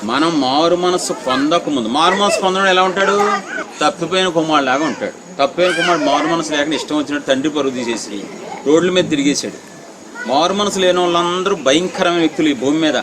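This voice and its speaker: A man's voice: fairly high pitch, fast talker, noisy background. A pastor in his forties, from Andhra Pradesh, preaching emphatically with repeated refrains and call-and-response. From Andhra Pradesh, India. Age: 40s. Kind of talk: sermon.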